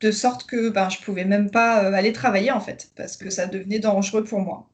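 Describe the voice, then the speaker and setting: A woman in her thirties from northern France gives a testimonial as a coaching client in a conversational interview over a video call. She recounts her personal journey hesitantly with many fillers, speaking at a medium pitch in a steady tone and fairly quickly.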